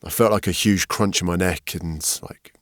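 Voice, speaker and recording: A man, a podcast guest, telling his story candidly and frankly, getting animated when he quotes other people. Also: sits low, moderate pace, dry recording, studio quality. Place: podcast studio.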